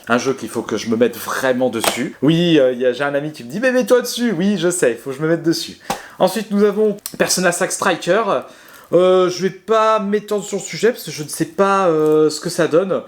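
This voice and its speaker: A man's voice: fairly high pitch, moderate pace. Chatty French-speaking man full of fillers. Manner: chatty, hesitant, lots of fillers and restarts; self-mocking, laughs at himself. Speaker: gaming video creator. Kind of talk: casual talk to camera.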